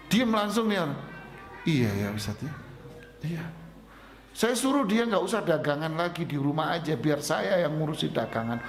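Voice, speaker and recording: A man preaching a sermon, telling stories and acting out both sides of the dialogue in a lively way. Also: a little high, normal speed, soft background music. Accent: Indonesian. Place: mosque. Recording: echoey mosque hall.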